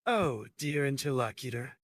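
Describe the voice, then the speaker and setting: Brief: man-voiced grandiose chatbot, flowery old-fashioned lecturing, mid pitch. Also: a bit bright, no room sound, clean studio sound. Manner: ornate, archaic, lecturing speech. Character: pompous flowery male chatbot, grandiose and theatrical.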